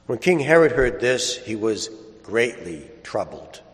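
A man serving as priest, reading the gospel aloud and then preaching a homily in a measured voice that slows and drops at the ends of phrases, heard with a cathedral echo. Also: lowish voice, big pitch swings. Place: large church. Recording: long cathedral-like church reverb.

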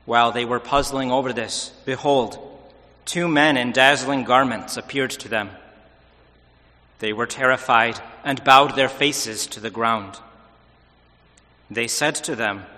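A man delivering a solemn, formal liturgical scripture reading in measured phrases, with cathedral echo in a large church. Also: medium pitch, sharp tone. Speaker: clergyman reading the Gospel at Mass.

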